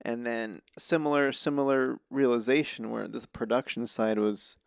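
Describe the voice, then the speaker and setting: Male interviewer, medium pitch with some vocal fry, fumbles for his questions, casual. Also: fairly even intonation, moderate pace, no echo, studio quality. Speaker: podcast host.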